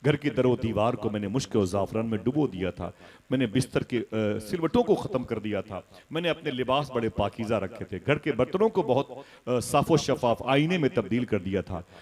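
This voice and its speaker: A man from India preaching a fiery religious sermon. He tells the story dramatically, builds to loud cries, and leads the crowd in call-and-response. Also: medium pitch, lively intonation, fairly quick.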